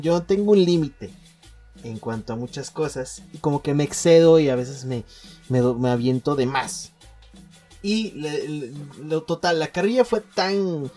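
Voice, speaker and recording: A young man with a Mexican accent casually telling a school story on a podcast, full of slang, swearing, jokes and halting restarts. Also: medium pitch, warm tone. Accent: Mexican Spanish.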